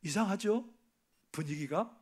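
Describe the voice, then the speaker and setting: A man preaching a sermon on a parable, asking the congregation questions and acting out the characters' lines, dropping at times to a hushed near-whisper. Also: high-pitched, expressive, measured pace, slightly rough. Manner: asks the congregation questions and acts out the parable's voices; swings from loud emphasis to hushed, near-whispered asides.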